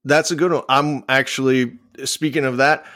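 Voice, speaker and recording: A man's voice: medium pitch, fairly even intonation, moderate pace, a bit bright. A man co-hosting a casual chat, rambling with lots of fillers and restarts. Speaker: podcast co-host.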